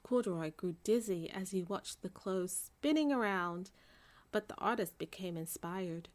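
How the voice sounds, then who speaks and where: Female storybook reader, mid-range pitch, expressive read-aloud delivery for young children. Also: unhurried. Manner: expressive storytelling, character voices for dialogue.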